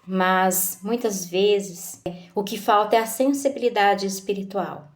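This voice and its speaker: A woman giving a devotional talk, slow and measured, asking her listeners questions. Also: medium pitch.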